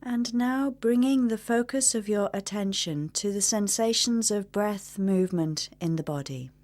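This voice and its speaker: With a mid-range voice, a woman leads a guided meditation, speaking in a gentle, measured way and pausing at length between instructions.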